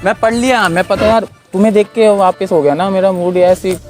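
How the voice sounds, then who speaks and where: Young guy doing a prank chat, teasing and begging, kinda high voice, music behind. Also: fairly even intonation, fairly quick, darkish tone. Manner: teasing, pleading, playful. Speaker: prank video host. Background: background music.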